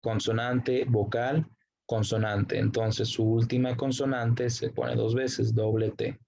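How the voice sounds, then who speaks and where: Slow-spoken man teaching English grammar. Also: medium pitch, little pitch movement, gravelly, a little mellow. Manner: slow, deliberate explanations, spelling out letters and translating each example. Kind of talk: recorded grammar lesson.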